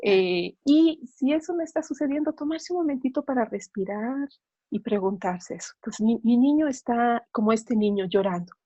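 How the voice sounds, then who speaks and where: A woman psychologist explains to an interviewer in a fairly high voice. She is patient and explanatory, checks in with tag questions and laughs lightly, and she sounds close and dry. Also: animated, moderate pace, mellow, dry recording, highs cut off. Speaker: child psychologist guest. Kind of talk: interview talk.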